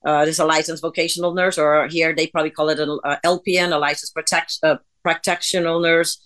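A woman's voice: deep voice, little pitch movement, brisk, fairly bright tone. A woman from the Netherlands, a guest on an interview podcast, telling her story in a chatty way with fillers. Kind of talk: casual interview.

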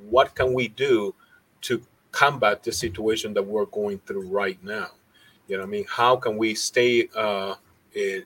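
A man co-hosting a business podcast who talks about accounting earnestly, with frequent restarts and pauses. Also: fairly low pitch, fairly bright tone, low-quality recording. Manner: halting, many fillers and restarts, earnest. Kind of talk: casual business chat.

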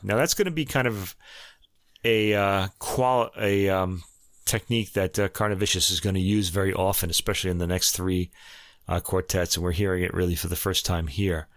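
Podcast host, male, New York accent, somewhat low voice, dry close sound, chatty delivery with lots of ums. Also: moderate pace, fairly bright tone, no echo. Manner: conversational, many fillers and restarts. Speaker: music review podcast host. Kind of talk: casual music commentary.

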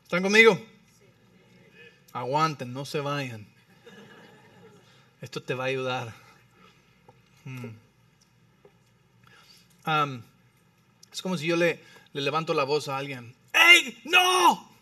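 A male pastor preaching a sermon, animated, swinging between loud emphatic phrases and quiet low ones, often checking in with the listeners. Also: slow pace, pauses often, recorded from a distance. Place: church.

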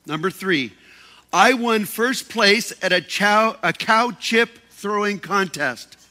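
Holding a handheld mic, a man gives a casual, sermon-like talk to a group, playful and joking, often repeating and restarting his words. His voice is high and sharp, and he speaks slowly.

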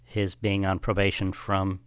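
A man co-hosting a casual television recap podcast, explaining slowly and hesitantly with many pauses and fillers. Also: low-pitched, completely flat delivery, clear, resonant tone, no room sound. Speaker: podcast co-host.

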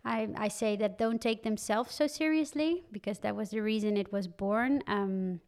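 A woman's voice: medium pitch, normal speed, a little mellow. A young woman from the Netherlands, a guest on a podcast, chatting casually and animatedly with frequent fillers and laughs. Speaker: guest, wine content creator. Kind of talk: casual interview chat.

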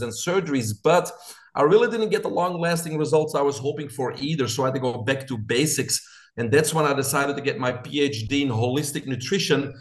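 A middle-aged Belgian-accented man, a guest who works as a coach and biohacker, tells stories in an interview and answers with earnest conviction. He builds his points through lists, pushing each idea forward like a motivational coach, in an ordinary middle pitch.

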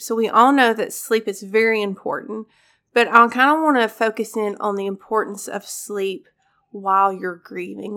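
A woman hosts a faith-based podcast in an earnest, encouraging tone. Her voice is scratchy and congested as she gets over a cold, with a gravelly fry running through it. Her pitch sits in an ordinary middle range. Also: a bit bright. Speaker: podcast host.

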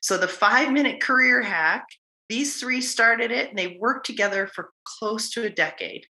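A woman's voice: a little high, moderate pace, bright, forceful tone, rough recording. A woman hosting a podcast, introducing her guests in an enthusiastic, emphatic way. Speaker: podcast host.

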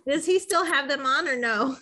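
A woman's voice: sits high, moderate pace, bright, forceful tone. A woman co-hosting a podcast in a casual, chatty style. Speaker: podcast co-host. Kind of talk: casual chat.

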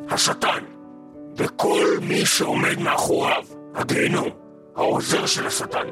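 A man playing Satan as a crude, boastful, gravelly devil in a mock-formal, rambling comedy radio interview. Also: a little high, full character voice.

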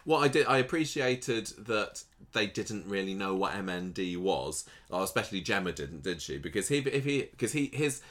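A man's voice: on the low side, expressive, moderate pace, few pauses, a bit bright. A man co-hosting a podcast, chatting casually about a soap and quoting characters' reactions. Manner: chatty, laughs often, quotes reactions. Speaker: podcast co-host. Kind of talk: casual chat recapping a soap.

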